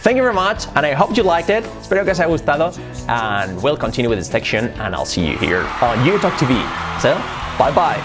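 A man's voice: a little high, big pitch swings, moderate pace, music in the background. A Spanish-speaking man teaching an English pronunciation lesson, moving between Spanish and English example phrases. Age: adult.

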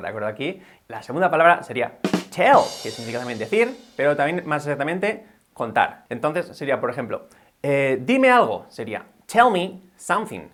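A man's voice: mid-range voice, fairly bright tone. A man teaching English vocabulary in a bilingual video lesson, upbeat and constantly checking in with his viewers. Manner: upbeat, switches between English and Spanish, keeps checking with "ok?".

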